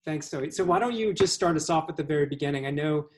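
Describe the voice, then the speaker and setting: Higher-voiced male interviewer. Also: fast. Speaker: museum host and interviewer. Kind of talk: hosted conversation.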